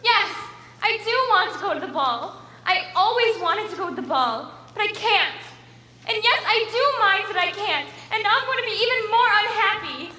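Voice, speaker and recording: A woman's voice: very high-pitched, lively intonation, moderate pace, sharp tone, exaggerated voice. A young woman acting a shy, self-doubting girl covered in ashes, in a school stage play. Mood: longing. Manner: hesitant, emotional, self-doubting. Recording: distant, roomy stage hall with music.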